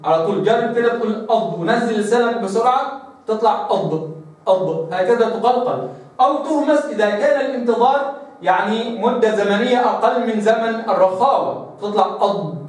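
A man teaching the pronunciation of Arabic letters for Quran recitation, explaining step by step and slowly demonstrating the sounds. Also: sits high, recorded from a distance. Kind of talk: tajweed phonetics lesson. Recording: echoey room, voice somewhat off-mic.

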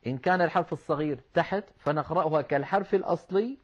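A man teaching Quran recitation rules, patiently explaining step by step and slowing down to demonstrate words. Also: a little high, breathy edge. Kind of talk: explanatory religious lesson. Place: online class with shared screen. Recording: slightly dull lo-fi sound.

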